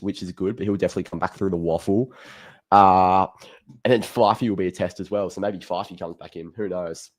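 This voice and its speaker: Laid-back Australian man, lowish voice. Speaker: host of a fan call-in show. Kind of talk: casual footy chat.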